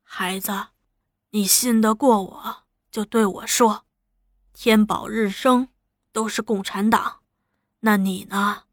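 A woman voicing a poor old mother in her sixties, speaking slowly and softly with weary resolve in an audiobook. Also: medium pitch, fairly even intonation, no room sound, clean studio sound. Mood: hushed. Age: 60s. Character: poor old widowed mother, steadfast and proud. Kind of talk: audiobook character voice.

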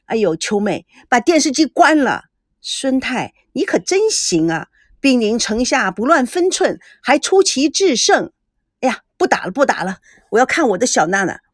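A woman's voice: a little high, sing-song, normal speed, dry recording, studio quality. A woman voicing a chatty, gossipy older rich woman at a mahjong table, exclaiming at every turn. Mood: excited.

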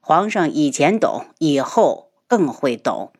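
A woman doing a cold, low-voiced noble prince. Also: very animated, slow pace, a little mellow, heavily acted. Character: calm cool-tempered noble prince, man.

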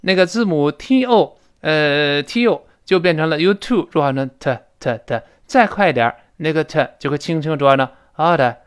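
A man teaching spoken English. He explains pronunciation and repeats words slowly, drawn out to demonstrate, with frequent jumps in pitch for emphasis. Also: clear, resonant tone. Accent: Mandarin Chinese.

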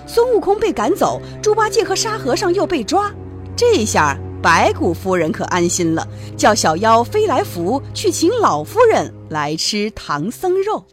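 A woman narrating a children's story in an expressive, lively way. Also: a little high, measured pace, faint music behind.

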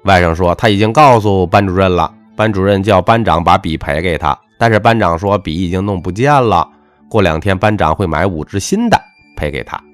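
A man giving a motivational monologue with a personal story, talking emphatically in a lecturing way and letting his phrases drop low at the end. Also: brisk, no echo, faint music behind. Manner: emphatic, lecturing, swings between punchy highs and dropped low endings. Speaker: self-help speaker.

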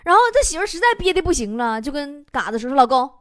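A woman's voice: high voice, rapid-fire, very noisy. A woman hosting a radio comedy show, reading funny listener anecdotes and acting out the quoted voices. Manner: lively, laughs often, acts out quoted voices.

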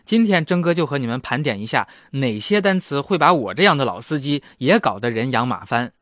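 A man's voice: mid-range voice, sing-song, brisk, a bit bright, dry recording, studio quality. A man in his thirties hosting a casual language lesson, chatty and self-mocking. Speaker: German language teacher and host.

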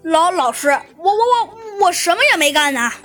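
A woman's voice: extremely high pitch, lively intonation, moderate pace, fairly bright tone. A woman voicing a timid young monkey pupil in a children's story, stammering and meek, with faint music behind.

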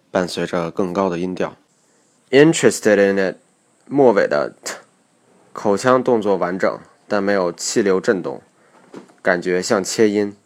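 A man teaching pronunciation, reading English example sentences aloud and explaining the stress of each syllable step by step. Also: low-pitched. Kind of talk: pronunciation lesson.

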